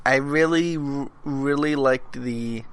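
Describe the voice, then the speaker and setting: A man's voice: mid-range voice, clean tone. A man co-hosting a podcast, chatting casually and often stopping to search for the right word. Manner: halting, searches for words. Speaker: podcast co-host. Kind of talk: casual chat.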